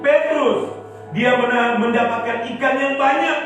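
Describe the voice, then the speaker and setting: Impassioned pastor preaching in an echoey hall. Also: male voice, unhurried. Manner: animated preaching, swings from loud cries to low murmurs. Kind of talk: sermon. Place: church hall. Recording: echoey hall, distant mic, with music.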